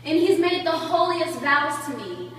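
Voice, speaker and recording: A woman's voice: high voice, lively intonation, a little slow, fairly bright tone, very echoey, in a large hall. A woman playing a meek, dutiful young character in an amateur Shakespeare play, in an everyday voice. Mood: earnest, unsure. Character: dutiful, meek young daughter or loyal attendant. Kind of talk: amateur student Shakespeare performance. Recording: distant microphone with clear background noise.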